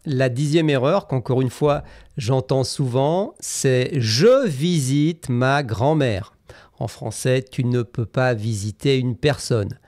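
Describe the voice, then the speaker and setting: A man leads a grammar lesson, speaking at an unhurried, measured pace and spelling out example sentences with care. His voice sits at an ordinary middle pitch. The recording is close and dry, with no room echo. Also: a little mellow. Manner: slow, carefully articulated example sentences. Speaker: French teacher. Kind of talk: scripted language lesson.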